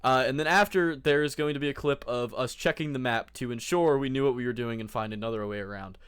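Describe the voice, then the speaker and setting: A man's voice: medium pitch, quick pace, a bit bright, smooth, no room sound, studio quality. A man narrating his own trip as a vlogger in a casual, rambling, jokey and laid-back way, with informal slang.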